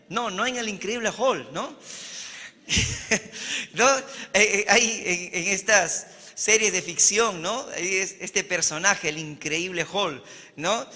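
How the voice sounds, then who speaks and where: Peruvian pastor guy preaching slow, bright voice, long church hall reverb, keeps asking amen. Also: high-pitched. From Peru. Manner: preaching with frequent "amén" and "¿verdad?" to the congregation. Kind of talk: sermon.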